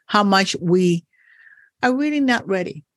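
A woman's voice: mid-range voice, animated, a little slow, no echo, clean studio sound. A woman hosting a podcast as a coach, talking thoughtfully and encouragingly with frequent laughs. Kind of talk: reflective podcast conversation.

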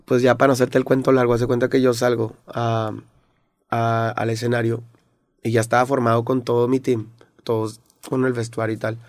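A young Mexican man, a guest rapper, speaks at a medium pitch and a brisk pace in a dry recording. With a Mexican Spanish accent, he animatedly retells a bad night in a casual storytelling interview, acting out what people said.

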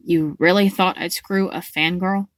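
A woman's voice: fairly low pitch, steady tone, unhurried, no echo, studio quality, close to an everyday voice. A woman voicing a brash, burly young male hero who talks bluntly and cockily, in an audiobook fan fiction reading. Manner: blunt, cocky.

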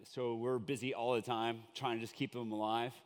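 A man's voice: mid-range voice, little pitch movement, moderate pace, long reverb tail. A man from Colombia preaching as a guest in a church, in a chatty, joking way with lots of fillers. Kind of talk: conversational sermon. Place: church sanctuary.

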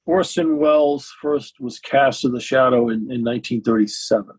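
A man's voice: medium pitch, moderate pace, breathy edge, dry recording. A man giving casual, explanatory commentary as an expert guest in a podcast discussion. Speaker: guest expert on vintage radio and film.

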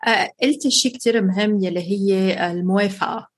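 A woman with a Levantine Arabic accent who hosts a show, reading a scripted introduction and then asking a guest clear, earnest questions. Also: mid-range voice, fairly quick. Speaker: host.

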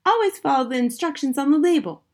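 A woman voicing a bossy, scolding wife and mother in a storybook, with a sharp, nagging manner. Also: high voice, expressive, fast talker, voice pushed up.

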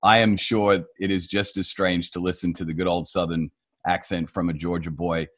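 A man's voice: deep voice, flat delivery, normal speed, a bit bright. A man with an Australian accent hosting a podcast, chatty and friendly. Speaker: podcast host. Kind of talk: podcast interview.

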